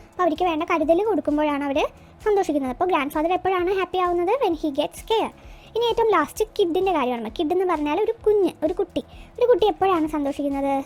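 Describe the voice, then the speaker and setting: A woman's voice: extremely high pitch, darkish tone. A woman teacher explaining a textbook lesson, asking and answering her own questions and translating English lines as she goes.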